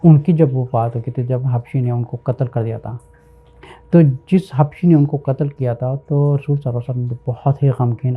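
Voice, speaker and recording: Earnest male preacher, phone-like sound. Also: mid-range voice. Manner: earnest, emphatic, mixes English words into speech. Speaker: Islamic preacher. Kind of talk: sermon.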